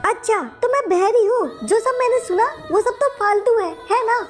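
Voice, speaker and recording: A meddling, gossiping aunty accuses and tattles in a squeaky, very high voice. She sounds sharp and nosy throughout this game story skit. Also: moderate pace, faint music behind. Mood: accusing.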